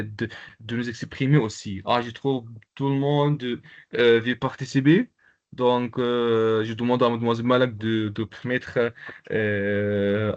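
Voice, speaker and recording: A male teacher gives a lesson over a video call, explaining step by step with many pauses and repeated words. His voice sits at a middling pitch. The audio is slightly dull and lo-fi. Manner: hesitant, repeats words, slow careful explanations. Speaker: Arabic teacher. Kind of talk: online language lesson.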